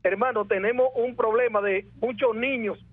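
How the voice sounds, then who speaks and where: High-voiced Venezuelan man calling over the phone. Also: steady tone, normal speed, no room sound. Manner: earnest, keeps saying "oye" and "hermano". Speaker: caller. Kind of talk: call-in complaint. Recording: dry, tinny phone line.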